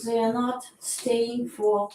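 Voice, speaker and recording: A woman from the audience asking a question haltingly, searching for words, heard far off in a hall. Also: a little high, flat delivery, mellow. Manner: halting, searching for words, non-native phrasing. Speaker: seminar participant asking a question. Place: seminar hall. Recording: distant, very echoey hall with faint noise.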